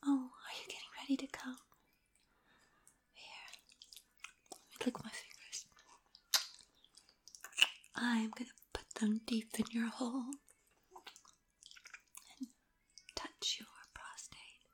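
A woman whispering an intimate roleplay in a teasing, commanding way, with soft hums between her phrases. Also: a little high, fairly even intonation, slow, long pauses.

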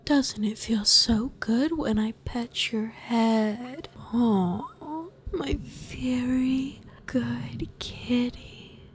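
A woman whispering softly in a soothing, doting ASMR roleplay. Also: fairly high pitch, drawn-out words, a little hiss or hum.

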